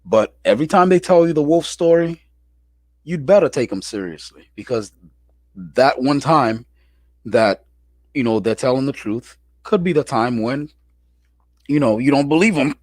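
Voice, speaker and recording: A man's voice: medium pitch, animated, normal speed, pauses often, darkish tone, no echo, clean studio sound. A man hosting a casual call-in chat, talking in a laid-back, slangy way with frequent restarts. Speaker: show host.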